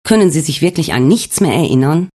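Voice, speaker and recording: A man voicing a calm, reassuring female hospital nurse in an audiobook. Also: low-pitched, a little fast, pitched above the performer's own voice.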